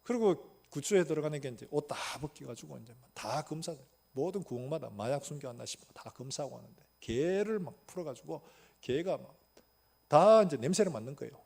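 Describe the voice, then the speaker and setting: Man, pastor, gravelly, dark-toned, lively sermon storytelling. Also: a little high, brisk. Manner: animated storytelling, acting out quoted dialogue. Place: church sanctuary.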